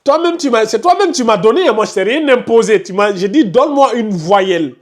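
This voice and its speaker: A man's voice: sits high, animated, fairly quick. A man teaching a Quran recitation class. He repeats his explanations step by step and scolds students who are not following. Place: classroom with a board.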